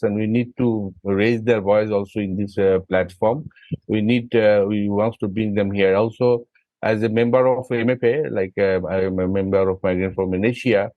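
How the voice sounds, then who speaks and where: A man from Bangladesh, a migrant rights advocate, speaking haltingly with many fillers in an online meeting. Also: lowish voice, dry recording, phone-quality sound.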